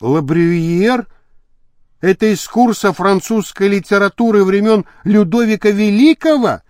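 A man voicing a hoarse, slow, insistent old husband in an audiobook. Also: high voice, a little mellow, dry recording, studio quality, voice pushed up. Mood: pleading. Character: old, tedious, stubborn husband, a school director.

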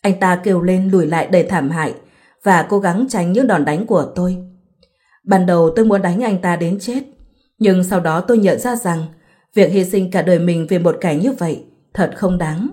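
A woman narrating a first-person story in an even, measured reading voice. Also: lowish voice.

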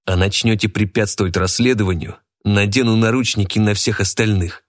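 A man voicing a curt, hard-nosed police detective who speaks in a measured way. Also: on the low side, fairly even intonation, natural voice.

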